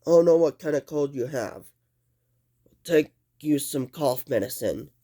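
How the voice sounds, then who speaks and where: A video creator talking through an improvised skit with toy characters, drifting between soft whispers and sudden squeals. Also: medium pitch, animated, measured pace.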